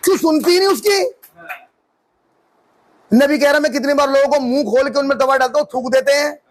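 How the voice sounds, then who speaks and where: Male pastor, very high voice, emphatic questioning sermon style. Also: fairly even intonation, fast, background noise. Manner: preaching with rising emphatic questions.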